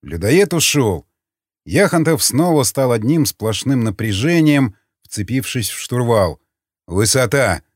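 Male audiobook narrator, animated dramatic delivery, dry close sound. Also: medium pitch, a little slow, dry recording.

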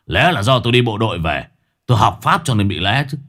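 A man's voice: on the low side, sing-song, fairly quick, fairly bright tone. A man voicing a defensive older male gambler who blusters back in arguments. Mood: bickering. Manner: blustering, retorts.

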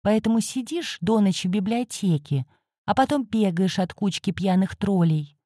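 A woman's voice: medium pitch, expressive, moderate pace, dark tone, breathy edge, no echo, clean studio sound. A woman voicing a grumpy, sarcastic male cat guardian who hisses and scolds. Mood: scolding. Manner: hissing, scolding.

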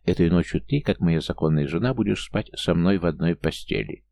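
A man with a low, gravelly voice voicing a smitten young man who is ardent and lovestruck. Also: fairly quick, a little mellow. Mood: earnest.

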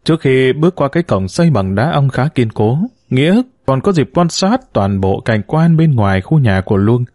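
This is audiobook narration of a novel by a man whose middle-pitched voice comes across warm and mellow. He keeps a steady, measured delivery, recorded close and dry with no room sound.

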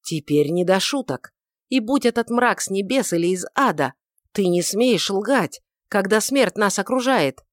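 A woman's voice: mid-range voice, animated, unhurried, no echo, close to an everyday voice. A woman voicing a troubled, passionate male outlaw who speaks in a brooding, pleading way, on a dry recording. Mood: fierce.

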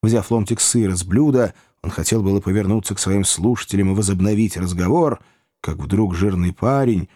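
A man narrating a classic novel as an audiobook reader, in measured storytelling. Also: deep voice, no echo, clean studio sound. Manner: measured storytelling, animated delivery. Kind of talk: scripted narration.

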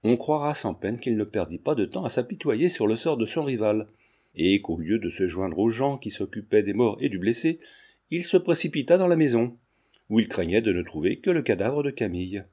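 A man narrating a novel in a measured, steady reading voice. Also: fairly low pitch. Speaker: audiobook narrator.

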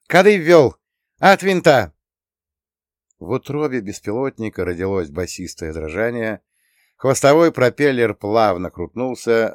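Low-voiced man reading an audiobook. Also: dry recording, clean studio sound. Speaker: audiobook narrator. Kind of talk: scripted narration.

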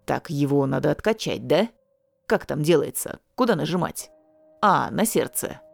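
A woman voicing a blunt young man with a low, gruff, sarcastic voice. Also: animated, normal speed, dry recording, faint music behind, heavily acted. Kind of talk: audiobook character voice.

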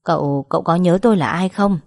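Woman doing male doctor carefully checking on a patient, low mellow voice. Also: a little fast, dry recording, studio quality. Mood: questioning. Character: male head doctor questioning a waking patient.

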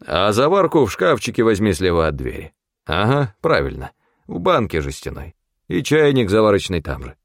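A man's voice: fairly low pitch, huge pitch swings, normal speed, dry recording, studio quality, full character voice. A man voicing a wary, bossy old mentor who scolds in blunt, folksy talk. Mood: easygoing. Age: older.

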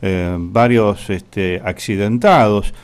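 A man with an Argentine accent hosting a radio talk show, unhurried and searching for words with frequent fillers. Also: fairly low pitch, clean tone. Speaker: radio host.

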